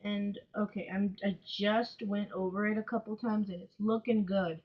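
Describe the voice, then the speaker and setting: A woman's voice: medium pitch, level tone, normal speed. A woman giving casual, self-mocking commentary while she does a craft project, groaning dramatically now and then. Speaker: vlogger. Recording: dull, lo-fi home recording.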